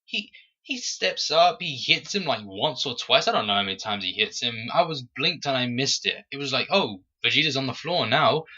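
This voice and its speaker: A man hosting a casual fan podcast, talking in an animated, critical way and jumping high when he acts out quotes. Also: normal speed, breathy edge, highs cut off. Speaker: podcast host.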